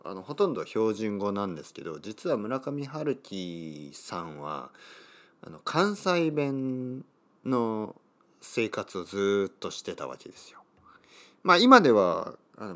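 A middle-aged man from Kyushu, a Japanese language teacher, reads a text slowly for learners and restates each part in easier words, stopping to puzzle over hard names. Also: fairly low pitch, fairly bright tone. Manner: reads text aloud slowly, then rephrases it in simpler words; stops and wonders aloud how to read place names. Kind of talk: explaining a reading for Japanese learners.

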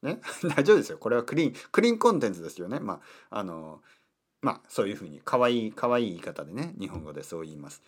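Male host in his thirties, low and very animated pitch, easygoing solo talk for learners. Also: husky. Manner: slow, simple wording, explains words, chatty asides. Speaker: podcast host. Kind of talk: casual solo talk in simple Japanese for learners.

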